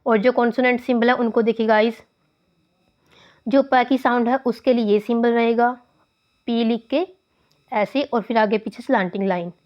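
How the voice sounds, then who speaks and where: A woman teaching phonetics step by step, drawing out example words and calling her viewers "guys". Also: on the high side. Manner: explains step by step, calls listeners "guys", stretches example words. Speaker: English teacher. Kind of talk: phonetics lesson. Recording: dull lo-fi voice recording.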